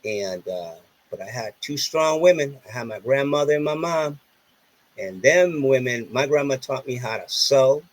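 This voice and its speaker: A Puerto Rican man whose first language is Spanish tells stories earnestly as a podcast guest in a casual interview, often repeating himself. His voice is medium-pitched and expressive, and he speaks at a moderate pace, with a Puerto Rican accent.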